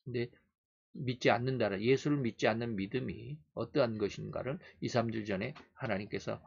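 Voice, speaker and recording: Gravelly emphatic preaching man. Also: medium pitch, a little fast. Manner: emphatic preaching, surging loud then dropping to quiet asides. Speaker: pastor. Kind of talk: sermon. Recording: dull lo-fi recording.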